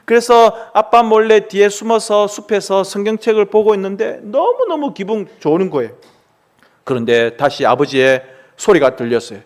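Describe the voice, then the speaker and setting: A man preaching, telling a story in a dramatic, animated way to his congregation. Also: high voice, moderate pace. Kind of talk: storytelling sermon.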